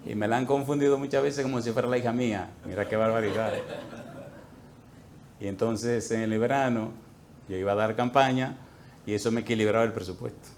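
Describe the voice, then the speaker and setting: A man preaching a sermon to a congregation, telling a story with acted-out dialogue and swinging between loud outbursts and quiet asides. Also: medium pitch, slight background noise. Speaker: pastor. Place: church, before a congregation.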